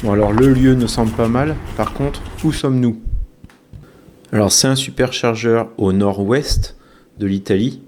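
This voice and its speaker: Strolling and vlogging, a YouTube creator chats informally with his viewers, dropping wry jokes. His medium-pitched voice is unhurried and darkish, with slight background noise.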